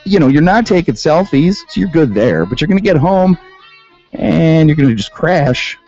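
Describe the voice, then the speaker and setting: A sarcastic man hosts a comedic radio segment, reading out rules and riffing on them. His voice is mellow and swings widely in pitch. The sound is dull and lo-fi, with faint music underneath. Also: lively intonation, normal speed. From Western New York. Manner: sarcastic, reads rules aloud and riffs on them. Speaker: radio show host. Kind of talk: comedic commentary.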